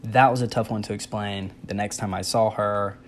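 A young man telling a comic personal story in a casual, animated, self-deprecating way, acting out his own reactions. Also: lowish voice, normal speed.

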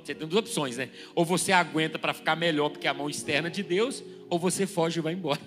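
A man in his forties, a pastor, preaching a lively, joking sermon in church at a fast, animated pace. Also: fairly high pitch.

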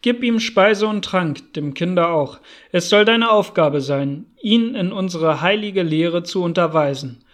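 A man voicing a stern, solemn male leader of pilgrims in his thirties, speaking in forceful proclamations. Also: sits high, animated, measured pace, few pauses. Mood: commanding. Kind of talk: audiobook character voice.

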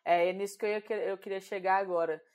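A woman's voice: mid-range voice, steady tone, fast, darkish tone, smooth. A Brazilian woman co-hosts a podcast in an easy conversational tone and keeps the talk moving with her questions. Her voice sits in an ordinary middle range for a woman. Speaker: podcast co-host. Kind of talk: casual podcast chat.

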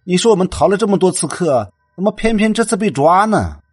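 A man's voice: medium pitch, big pitch swings, moderate pace, slightly rough, no room sound, clean studio sound. A man voicing a young student who sighs and grumbles about being caught skipping class. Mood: grumbling. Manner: sighing, complaining.

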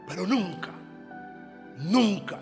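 A man's voice: sits high, animated, slow. A male preacher giving a fervent sermon, praying aloud, speaking in tongues and repeating phrases for emphasis. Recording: echoey hall with music behind.

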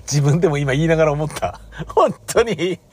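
A man's voice: fairly high pitch, steady tone, normal speed, a little mellow. A man in the entertainment business giving a rambling, self-mocking rant in a casual solo monologue.

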